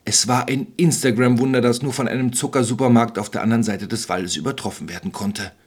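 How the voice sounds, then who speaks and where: A man's voice: mid-range voice, quick pace, breathy edge. A man narrating a playful, wry fairy-tale parody in scripted storybook style.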